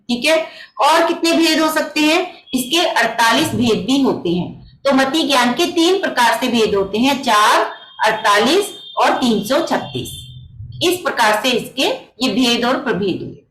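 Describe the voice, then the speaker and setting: A woman with a high voice teaches a scripture class over a video call. She explains each point patiently and keeps asking rhetorical questions. Her voice carries a noticeable echo from the room. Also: lively intonation, measured pace, fairly bright tone. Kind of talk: online religious text class. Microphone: computer mic on a video call.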